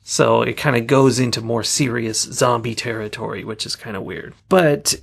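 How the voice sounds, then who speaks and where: Laid-back guy on a podcast, super gravelly creaky voice, chats about movies and laughs a lot. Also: medium pitch, moderate pace. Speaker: podcast co-host. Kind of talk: casual movie review chat.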